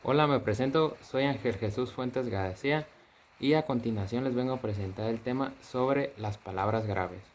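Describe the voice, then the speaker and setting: A man's voice: medium pitch, normal speed, a little hiss or hum. A male student presents a short lesson in an orderly, polite way. He lists example words one by one and signs off courteously. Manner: polite, orderly, uses "bueno" to move on. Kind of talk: class presentation.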